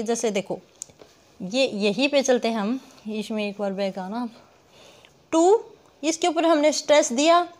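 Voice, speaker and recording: Woman, young adult, online literature lesson, slightly high voice, rhetorical questions, spells out syllables. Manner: rhetorical questions she answers herself, addresses viewers as guys; sounds out words syllable by syllable. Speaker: literature teacher. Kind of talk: online lesson explaining poetic meter.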